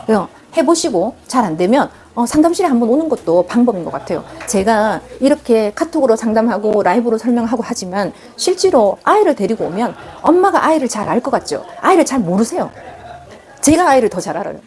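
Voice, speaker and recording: A woman's voice: fairly high pitch, big pitch swings, fairly quick, a little mellow. A woman counselor giving parenting advice on a live stream, speaking emphatically and directly. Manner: emphatic, direct, acts out quoted parent and child lines. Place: live online broadcast.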